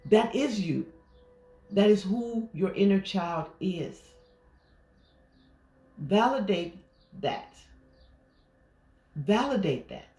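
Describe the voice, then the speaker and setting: A woman speaks as a life coach in an affirmation talk, her pitch sitting in a middle register. She talks gently and reflectively, with frequent pauses. The room around her voice is noticeably echoey. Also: expressive. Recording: roomy echo.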